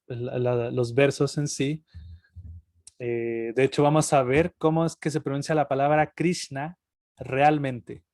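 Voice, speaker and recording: Man, workshop teacher, halting relaxed delivery, mid pitch, close dry sound. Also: dry recording. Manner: relaxed, halting, many fillers and restarts. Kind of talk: online workshop lesson.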